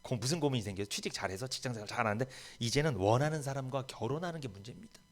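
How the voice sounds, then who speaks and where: A man's voice: mid-range voice, rapid-fire. A man preaching a sermon as pastor, emphatic and rising to bold proclamations in a church. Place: church sanctuary.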